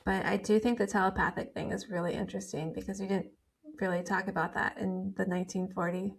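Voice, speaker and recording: A woman's voice: medium pitch, flat delivery, fast talker, gravelly, husky. A woman co-hosting a podcast, chatting casually and telling stories in a rambling, giggly way. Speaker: podcast co-host. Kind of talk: casual chat.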